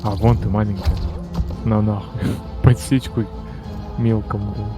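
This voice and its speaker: Low-voiced man swearing through a game. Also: level tone, unhurried. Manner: crude, swearing banter. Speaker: gamer playing a fighting game with a friend. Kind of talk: casual gaming chat. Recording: loud game music behind. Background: loud fighting game music.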